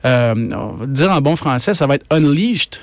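A man's voice: fairly high pitch, expressive, moderate pace, no room sound. A man with a Québécois French accent, an economics columnist and professor, arguing his points emphatically in a radio interview, often repeating words. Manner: emphatic, argumentative, frequent repetitions.

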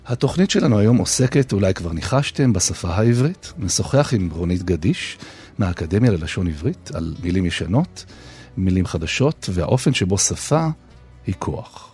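A man hosting a radio show, narrating scripted personal stories in a measured way with deliberate pauses. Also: low voice, big pitch swings, a little mellow, breathy edge, soft background music. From Israel. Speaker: radio host.

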